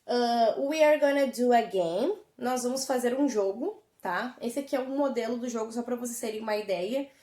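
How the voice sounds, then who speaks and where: A woman's voice: a little high, mellow. Woman, Brazilian Portuguese accent, English teacher, patient step-by-step explaining, roomy echo. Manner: explains slowly, mixing English words into Portuguese. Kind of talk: remote classroom lesson.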